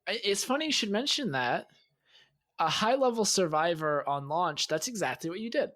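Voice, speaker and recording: A man's voice: sits high, sing-song, moderate pace, a bit bright. A man co-hosting a gaming podcast, explaining game mechanics analytically in casual chat. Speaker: podcast co-host.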